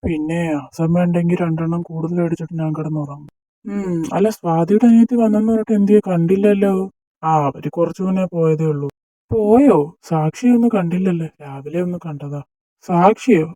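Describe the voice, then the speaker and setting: Teasing college senior in an amateur dub drama, voiced by a young man: mock-scolding banter, mellow and dry. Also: on the high side, brisk, no echo, natural voice, poor audio. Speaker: fan dub voice actor. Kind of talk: amateur dubbed romance drama.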